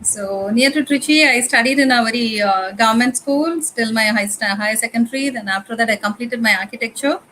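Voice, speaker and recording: A woman's voice: on the high side, fairly quick, few pauses, sharp tone, a little hiss or hum, low-quality recording. A woman from Tamil Nadu with a Tamil-influenced Indian English accent, giving a conversational guest lecture with frequent fillers and repeated phrases. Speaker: guest speaker. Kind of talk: lecture talk.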